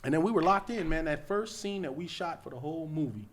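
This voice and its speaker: A man with a Los Angeles accent, a podcast guest telling an animated story and acting out the quotes. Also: a little high, quick pace, a crowd in the background. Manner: lively, acts out quotes, loud and laughing at the peaks.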